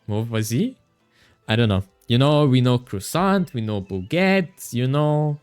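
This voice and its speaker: A man's voice: mid-range voice, sing-song, measured pace, darkish tone, clear, resonant tone, faint music behind. A man streaming a game, chatting playfully with his chat, teasing and laughing, stumbling as he reads game text aloud. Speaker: VTuber streamer. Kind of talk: casual gaming livestream chat.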